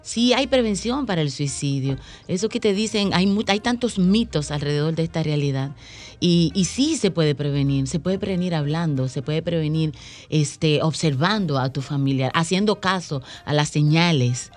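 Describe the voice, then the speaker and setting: Low-voiced woman telling a story earnestly. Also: expressive, moderate pace, darkish tone, soft background music. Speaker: guest promoting a stage play. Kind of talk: radio interview.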